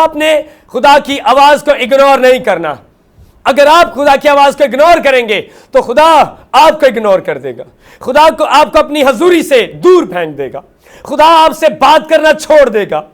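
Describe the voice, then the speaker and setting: Male TV pastor with a very high voice, preaching in a repetitive, emphatic cadence. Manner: mixes English words into Hindustani speech. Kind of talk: televised sermon.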